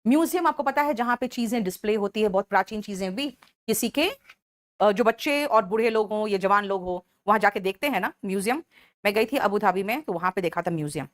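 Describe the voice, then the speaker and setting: A woman teacher giving an exam-prep vocabulary lesson, animated, calling her students "beta" and slowing down to dictate English definitions. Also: mid-range voice.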